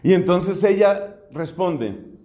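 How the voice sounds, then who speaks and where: Emphatic Colombian friar giving a philosophy lecture. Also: male voice, high-pitched, animated, takes it slowly, dark tone, faint music behind. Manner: emphatic, repeats key questions and phrases.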